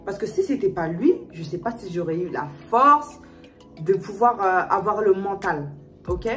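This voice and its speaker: Faint music plays behind a young adult woman recorded from a distance as she shares a personal story with her viewers in a storytime vlog. Her medium-pitched voice is animated and a bit bright at a moderate pace, and she talks emotionally, repeating herself with many fillers and restarts.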